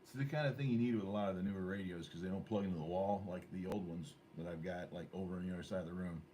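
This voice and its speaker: In a noisy ham radio room, a man with a low, very fast, mellow voice hosts an amateur radio club net. He's casual, rambling and jokey, even throwing in mock sponsor plugs.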